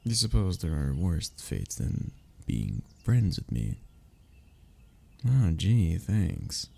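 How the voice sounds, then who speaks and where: This is a young adult man voicing a young best friend for an intimate audio roleplay, his tone deeply gravelly and low. Warm and playful, he teases in a gentle, sincere way while his pitch bounces around energetically. His delivery is slow and exaggerated.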